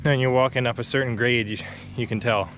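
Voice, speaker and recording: With a brisk delivery and medium pitch, a young adult vlogger chats casually while walking uphill on a quiet country road, a touch out of breath. He's relaxed, laughing briefly and using lots of fillers. The recording, made on a phone or action camera at arm's length, has a little hiss or hum.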